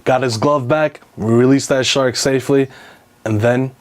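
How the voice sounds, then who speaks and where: A man's voice: medium pitch, fairly even intonation, normal speed. A man narrating a recap of a fishing adventure. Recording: loud music behind voice.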